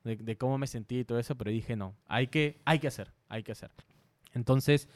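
Mid-pitched man from Peru, earnest guest storyteller, a bit shy, lots of restarts. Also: a little fast. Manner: earnest, self-conscious, frequent restarts. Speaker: guest content creator. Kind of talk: casual interview storytelling.

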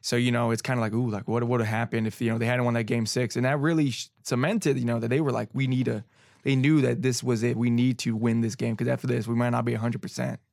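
A young man co-hosting a casual sports talk show, rambling excitedly like an emotional fan. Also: mid-range voice, quick pace, gravelly, no room sound, studio quality.

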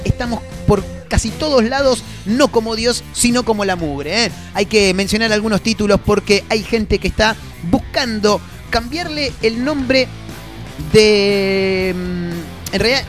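A man with a Rioplatense accent hosting a comic radio show, playful and joking as he talks to listeners. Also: high-pitched. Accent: Rioplatense Spanish. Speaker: radio host. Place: radio studio.

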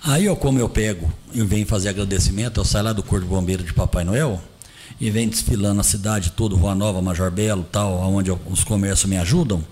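Animated man telling a story. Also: fast, slight background noise. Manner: animated, emphatic storyteller with pitch jumps. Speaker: interview guest who plays Santa Claus for charity. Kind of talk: casual anecdotal storytelling.

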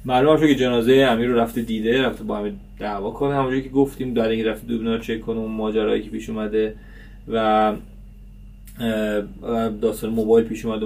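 Slightly far from the mic, a vlog host talks through an episode review in a lowish, darkish voice with vocal fry. He's chatty and rambling, with fillers scattered throughout.

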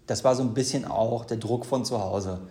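A man in his thirties from Germany's Ruhr area recounts his life as an interview guest, rambling casually with lots of fillers and false starts. His voice is warm and mid-pitched at a moderate pace, recorded in an echoey room.

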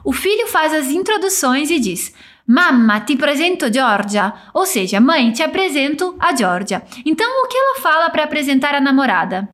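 A woman teaching a language, modelling short phrases slowly for listeners to repeat. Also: sits high, sing-song, a bit bright. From Brazil. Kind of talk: guided pronunciation drill.

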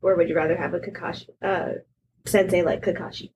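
Relaxed woman asking game questions. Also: lowish voice, brisk, recorded from a distance, muffled recording, noisy background. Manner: relaxed, asks questions, laughs easily. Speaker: co-host of a drinking game chat. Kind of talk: casual chat.

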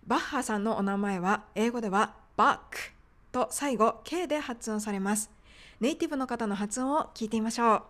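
A woman's voice: fairly high pitch, fairly quick, fairly bright tone. A woman teaching medical English pronunciation in a polite, explanatory podcast lesson.

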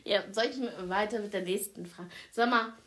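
A woman's voice: medium pitch, normal speed, fairly bright tone. A young woman hosting a casual podcast chat, talking straight to her listeners and often breaking off to restart her sentences. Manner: chatty, addresses listeners as "Leute", trails off and restarts. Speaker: podcast host.

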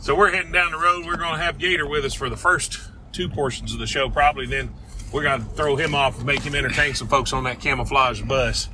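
A man's voice: medium pitch, steady tone, a little fast. A middle-aged man with a Southern Smoky Mountains drawl, co-hosting a casual, folksy podcast. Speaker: podcast co-host. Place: inside a moving car. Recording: constant vehicle road noise.

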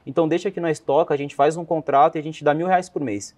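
A man's voice: a little high, steady tone, quick pace, a little mellow. A young man with a Brazilian accent, telling a personal story as a guest in casual, slangy speech, often quoting himself. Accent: Brazilian Portuguese. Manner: slangy, rambling, quotes himself a lot.

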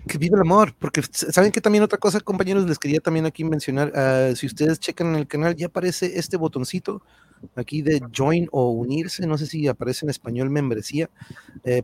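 A man's voice: fairly high pitch, a little fast, slight background noise. A man with a Mexican accent chatting casually to livestream viewers as channel host, slangy and thankful in the way he talks.

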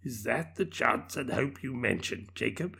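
A man voicing a fearful, humbled old miser with a low, faltering voice. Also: expressive, moderate pace, vocal fry, fairly bright tone, breathy edge, exaggerated voice.

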